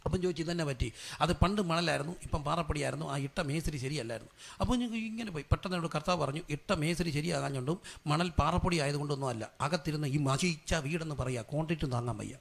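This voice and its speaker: A pastor preaching at a quick clip, his voice rough with gravel. He shifts from quiet, confiding storytelling to loud, fervent calls to his congregation, pitched a little above most men. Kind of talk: sermon.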